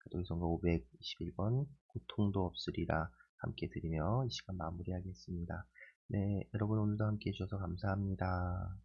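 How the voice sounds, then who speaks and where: A man leading a daily Bible reflection, talking in a relaxed, conversational way with pauses and fillers. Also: low voice, gravelly. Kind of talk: casual spoken Bible reflection. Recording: dull lo-fi recording.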